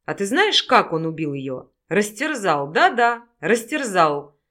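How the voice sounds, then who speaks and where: A woman's voice: mid-range voice, big pitch swings, unhurried, fairly bright tone. A woman voicing a scornful, menacing male werewolf investigator who talks with contempt and often raises his voice.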